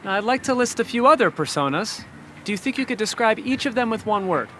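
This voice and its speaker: High, lively male interviewer. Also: noisy background. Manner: upbeat, quick rapid-fire questions. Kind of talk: casual interview questions.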